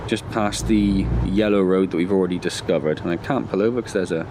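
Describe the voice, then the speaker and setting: Heavy background noise surrounds a deep male voice speaking fairly quickly. The speaker, a gaming video host with a slight head cold, plays a driving game on his own channel, giving casual let's-play commentary that is chatty, thought-aloud, and full of self-deprecating asides.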